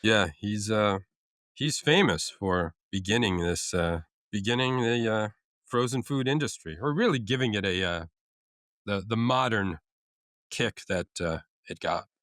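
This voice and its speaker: Low-voiced man reading trivia, dry. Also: expressive, measured pace, a bit bright, no echo. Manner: reads out facts with many uhs and restarts. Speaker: co-host. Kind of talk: casual podcast chat, reading trivia.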